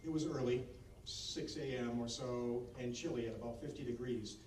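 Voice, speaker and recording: A man giving a formal podium speech at a commencement as a school leader, speaking in measured, deliberate phrases with pauses. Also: medium pitch, a little mellow. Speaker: school leader addressing graduates. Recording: echoey, distant microphone, clear background noise.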